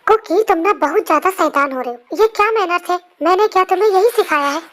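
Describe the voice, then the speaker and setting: Very high voice, young performer as a fussy loving mom, coddling and scolding. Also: fast, fairly bright tone, slight background noise. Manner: affectionate, scolding by turns. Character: doting, fussy young mother of two boys. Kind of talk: amateur fan dub acting.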